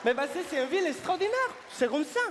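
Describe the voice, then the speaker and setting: A rambling man who garbles his words and grammar in a live comedy sketch, as a comedian puts him on. His pitch leaps up and down all the time, and a faint hiss sits behind him. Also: fast talker. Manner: lively, swooping pitch. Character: rambling, mangled-French male storyteller. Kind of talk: improvised stage comedy sketch.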